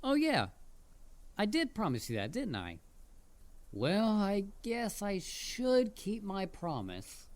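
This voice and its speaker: In a roleplay audio drama, a performer voices an excitable, mischievous headless dullahan, theatrical, playful, and packed with jokes. The mid-range voice moves slowly with a sly, menacing mood.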